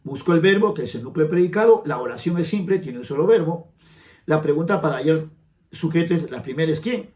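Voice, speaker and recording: Peruvian guy teaching grammar for an exam, kinda high voice, bouncy, keeps asking the viewers questions. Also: lively intonation, brisk, darkish tone. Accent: Peruvian Spanish. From Peru. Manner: rhetorical questions to the viewer, emphatic. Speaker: language teacher. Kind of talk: exam-prep grammar lesson.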